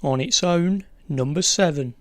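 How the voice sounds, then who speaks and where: Bingo caller, slow unhurried delivery, medium pitch, dry close sound, formulaic number calls. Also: no echo. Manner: measured, repeats each number in set phrases.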